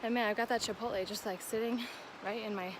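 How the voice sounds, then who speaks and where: Higher-voiced young American woman vlogging outdoors. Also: fairly even intonation, fast talker, noisy background. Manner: chatty, informal, breaking off to talk to her dog. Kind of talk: casual outdoor trail vlog chat. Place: outdoors on a hilly trail.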